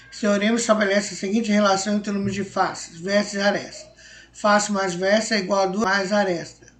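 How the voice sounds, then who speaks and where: A woman's voice: mid-range voice, a little mellow, a little hiss or hum. A woman teaching a math lesson, patiently asking her class questions and answering them herself. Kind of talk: explaining a geometry lesson. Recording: echoey room, voice far from mic.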